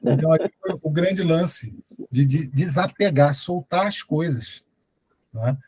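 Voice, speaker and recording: A man's voice: a little high, takes it slowly, darkish tone, a little hiss or hum, poor audio. A Brazilian man in a study group, telling a personal story with laughs and later leading a prayer. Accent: Brazilian Portuguese. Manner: laughs while telling stories.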